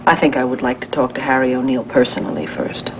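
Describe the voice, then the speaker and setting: An actress playing a poised businesswoman who speaks in a measured, questioning way, in 1980s daytime soap acting heard from a worn VHS tape copy. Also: rumbling low, vocal fry. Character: grown woman, businesswoman owning a factory. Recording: muffled hissy worn videotape of a TV broadcast.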